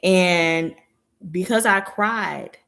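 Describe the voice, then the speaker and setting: A woman's voice: on the low side, very slow, creaky, a bit bright. A woman in her thirties hosting a podcast, giving an earnest, reflective monologue full of rhetorical questions and mid-sentence self-corrections. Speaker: podcast host.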